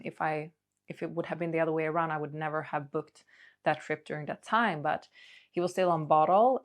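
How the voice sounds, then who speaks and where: Speaking in a deep voice, a woman who makes videos confides in her audience through a candid, casual monologue. She hesitates and rambles as she talks.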